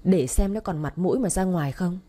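A woman voicing an angry, bullying young husband who shouts and sneers in an audio story. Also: on the low side, a little fast, lightly acted.

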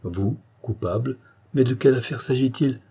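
A man reading a novel aloud, playing a composed detective who questions with quiet, measured calm. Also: medium pitch, slightly rough, pitched above the performer's own voice. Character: calm, shrewd male detective in middle age.

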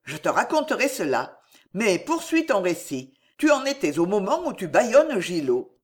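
A reader voicing a gruff old veteran father. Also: medium pitch, very animated, moderate pace, natural voice. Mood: amused. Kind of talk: audiobook character reading.

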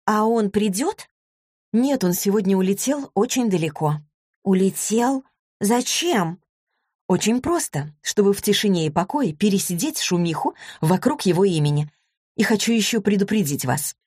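Businesslike woman agent, measured and cool, read by a woman narrator. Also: mid-range voice, animated, darkish tone, slightly rough, no echo, clean studio sound, voice pushed up.

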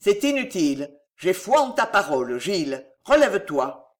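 A commanding nobleman, as a reader plays him speaks with measured calm. His severity stays controlled and his tone level. He questions coolly, close to the reader's own register. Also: medium pitch, lightly acted. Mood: stern calm.

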